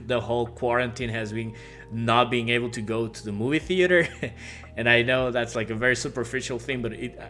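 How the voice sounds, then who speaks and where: A high school teacher and advisor in his thirties, a native Spanish speaker from Puerto Rico with a Puerto Rican accent, records a casual welcome video for parents. He's friendly and rambling, full of fillers and restarts, with a bright, forceful, medium-pitched voice.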